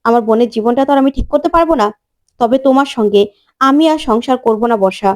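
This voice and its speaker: A woman voicing an angry young husband who confronts his wife forcefully. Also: fairly high pitch, fast, lightly acted. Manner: forceful, indignant.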